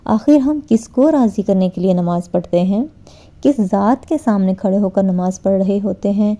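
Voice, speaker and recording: A woman giving an earnest religious lecture on prayer, exhorting her listeners and slowing down to model careful recitation. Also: mid-range voice, mellow. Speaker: Islamic preacher. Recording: dull lo-fi recording.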